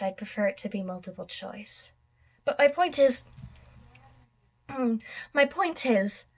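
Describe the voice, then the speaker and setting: A woman playing a mad, bitterly mocking villain in a theatrical dramatic monologue, stretching words and dropping suddenly into hushed tones. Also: a little high, low-quality recording.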